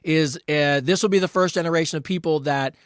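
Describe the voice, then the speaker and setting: Man in his 40s, chatty podcast co-host, agreeable, fairly high pitch, dry sound. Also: fairly quick, dry recording. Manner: chatty, agreeable, laughs along. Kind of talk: casual chat.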